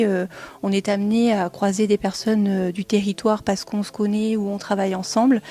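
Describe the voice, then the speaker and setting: In a small kitchen at a community family centre, a woman with a medium-pitched, dark voice explains the services on offer. She's the centre's director, appearing as a guest in an informal radio interview.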